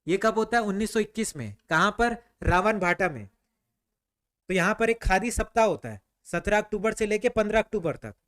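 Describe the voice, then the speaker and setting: A man teaches a history class. His voice sits high and sounds clean and smooth. He fires off questions and answers them himself, with a casual, chatty flow. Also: a bit bright. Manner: quizzing students, answering his own questions; conversational, repeats "ठीक है" often.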